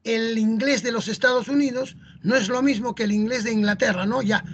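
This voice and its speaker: Against a noisy background and dull audio, a teacher from Peru talks a little fast in a steady, medium-pitched tone. The lesson is explained chattily in a Peruvian Spanish accent, with lines regularly tagged by rhetorical "¿no?" and "¿ah?".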